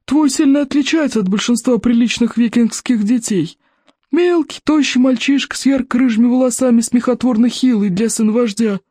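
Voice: mid-range voice, moderate pace, dark tone, no echo, clean studio sound, voice pushed up, close to an everyday voice. A reader voicing a crazed, scrawny old male librarian who screeches and hisses his words in a storybook reading. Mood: shrill, accusing. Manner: screeching, hissing, creaky. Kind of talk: audiobook character voice.

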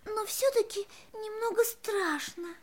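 A woman's voice: very high voice, measured pace. A tiny, piping, timid little girl. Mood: timid, curious. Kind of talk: children's audio drama acting.

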